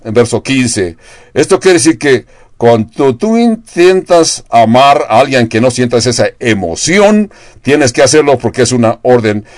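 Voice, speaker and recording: A man's voice: medium pitch, dry recording. Older male pastor, sermon delivery, rhetorical questions, dry close recording. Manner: preaching with rhetorical questions to the congregation.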